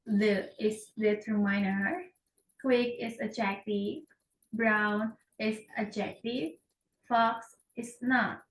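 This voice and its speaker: A woman's voice: fairly high pitch, far from the mic, a little hiss or hum. Young woman reading a class presentation, echoey. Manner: careful, slightly halting reading with self-corrections. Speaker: student presenting a syntax project. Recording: echoey room, voice off-mic.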